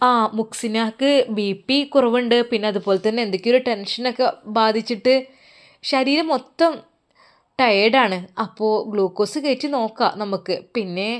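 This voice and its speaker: A woman playing a hospital doctor, brisk and matter-of-fact, calmly explaining in a high voice. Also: close to an everyday voice.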